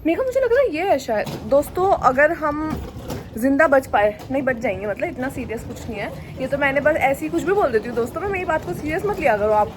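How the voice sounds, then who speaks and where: With a high, expressive voice and a quick pace, this young woman from India jokes and chats through a casual vlog of her day on city streets. She holds the phone in her hand, and faint street noise drifts in from outdoors.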